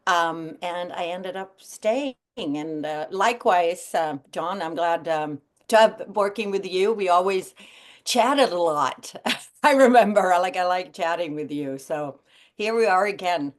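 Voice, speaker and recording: A middle-aged woman from Sweden, a podcast guest in casual chat, friendly and quick to laugh, with many fillers. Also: lowish voice.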